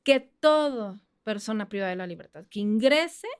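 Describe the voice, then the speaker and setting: A woman with a Mexican accent, a criminologist guest on a podcast, explaining things in a chatty way with quick asides. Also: mid-range voice, lively intonation, smooth, no echo, clean studio sound. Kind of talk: casual podcast interview.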